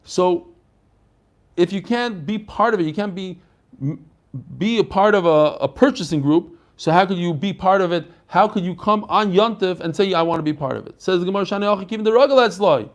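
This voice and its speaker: A man giving a Talmud lesson as a rabbi, explaining in animated question and answer and mixing in Hebrew and Aramaic phrases. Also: sits high, a little fast. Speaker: rabbi teaching a daily Talmud class.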